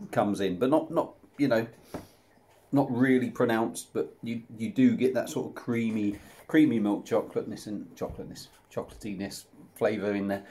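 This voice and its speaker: Sitting in a small room at home, a man reviews a beer to a camera placed close up at desk level. His voice is mellow and on the low side, and his manner is relaxed, talkative, and self-deprecating.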